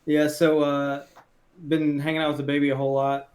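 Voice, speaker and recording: A young man co-hosting a casual podcast chat, talking in a relaxed, rambling way with many fillers. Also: a little high, brisk, crowd noise. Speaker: podcast co-host.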